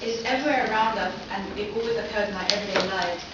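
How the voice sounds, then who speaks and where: Talking rapid-fire at a medium pitch, a young woman from London runs an academic seminar presentation in a lecture hall, throwing plenty of questions at the audience. The audio, taken from far back in the echoey hall, is dull and noisy.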